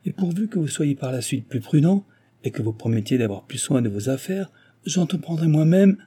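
A man's voice: fairly high pitch, lively intonation, normal speed, dark tone, slightly rough, pitched above the performer's own voice. A man voicing a young, earnest and compassionate heiress who speaks urgently. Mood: imploring.

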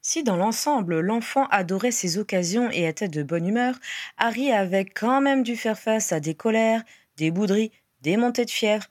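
A woman narrating a fan-written novel in a measured, expressive storytelling voice. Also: medium pitch, no room sound, clean studio sound. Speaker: audiobook reader. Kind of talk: scripted narration.

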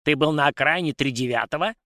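A man voicing a tiny, fussy male house spirit who chatters in a squeaky, excited way. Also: fast, no echo, studio quality. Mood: wary.

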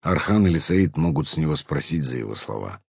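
A narrator puts on a stern, worn-out boss with a very deep, gravelly voice that swoops widely in pitch. He sounds dry and measured, every word heavy with fatigue. The audiobook recording is close and dry. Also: expressive, no room sound, heavily acted. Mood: tired, stern. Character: weary stern older male boss. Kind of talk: audiobook character voice.

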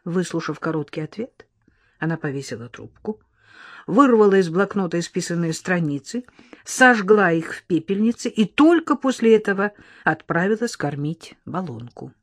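A woman narrating an audiobook in a wry, even storytelling manner. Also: lowish voice, moderate pace, no echo, studio quality. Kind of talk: scripted narration.

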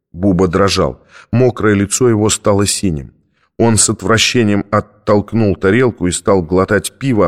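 A man calmly narrating a first-person novel as an audiobook. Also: low-pitched.

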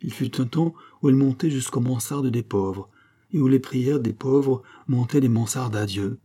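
A man's voice: mid-range voice, normal speed, mellow, husky, voice pushed up, natural voice. A man voicing a grave, loyal nobleman. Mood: earnest. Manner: earnest, solemn pleading. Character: loyal, grave nobleman, bold but respectful.

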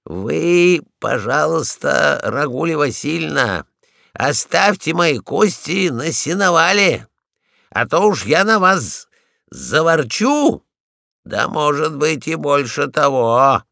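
A proud male fire-station dog, voiced by a man, scolding in a raised, lively voice that swings about. It sounds stern and indignant, with a gravelly edge and a dry, close sound. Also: high-pitched, drawn-out words, dry recording, pitched above the performer's own voice, exaggerated voice.

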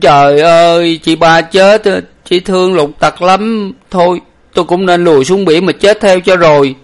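A man voicing a clumsy, panicky young male servant in a storybook, with a loud, flustered manner. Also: fairly high pitch, fast talker, voice pushed up, lightly acted. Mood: wailing.

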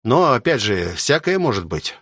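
Brief: reader doing anxious apologetic sidekick, slightly raised voice, dry close mic. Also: male voice, medium pitch, very animated, moderate pace, a bit bright, slightly rough, no room sound. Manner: fretful, apologetic, rambling. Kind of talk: audiobook reading.

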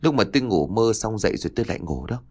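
A man voicing a frightened elderly husband in a village ghost story, at times shouting in panic. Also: fairly low pitch, very animated, rapid-fire. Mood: shaken.

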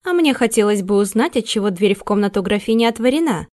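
A woman's voice: medium pitch, lively intonation, moderate pace, a little mellow, lightly acted. A woman voicing a stern, imperious middle-aged housekeeper. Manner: imperious, commanding.

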